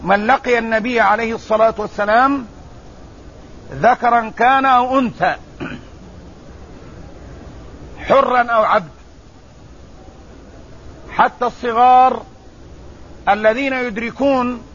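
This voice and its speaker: Male hadith teacher, high-pitched, measured and deliberate, muffled lo-fi recording. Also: a bit bright. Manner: measured, deliberate delivery with repeated phrases. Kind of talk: religious lesson, reading and explaining hadith. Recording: muffled, slightly lo-fi with faint ambient noise.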